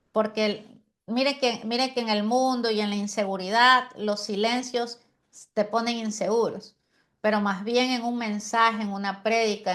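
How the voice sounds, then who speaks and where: A woman giving a conversational lesson on how to preach. She uses deliberate pauses and often adds "¿sí?" and "amén". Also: mid-range voice, fairly bright tone. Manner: frequent rhetorical "¿sí?" and "amén". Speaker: preaching teacher.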